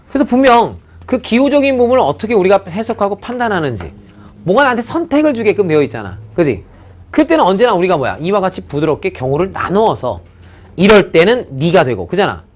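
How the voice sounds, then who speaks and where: A male math teacher giving a recorded lecture. He is animated, stretches out key words for emphasis and keeps checking in with the class. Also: high-pitched.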